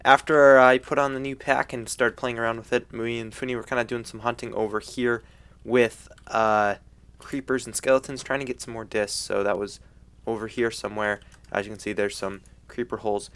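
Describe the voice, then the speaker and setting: A young man giving casual gameplay commentary in an excitable frat-bro way, full of slang like dude and bro. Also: medium pitch, normal speed, clean tone. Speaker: gaming video host.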